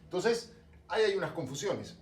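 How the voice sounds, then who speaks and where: Lecturing his students in an online religion class, this man from coastal Lima speaks with a Peruvian Spanish accent, leaning on rhetorical questions and filler words. His high-pitched voice swings widely in pitch at a normal speed. The distant mic picks up an echoey room and a little hiss or hum.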